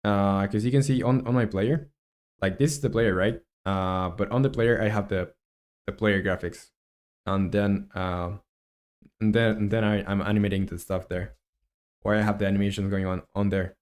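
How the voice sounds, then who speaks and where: On his live game dev stream, this man, Spanish by native tongue, reads chat aloud and thinks through things hesitantly and haltingly in a casual manner. His lowish voice is smooth and a little mellow, with fairly even intonation.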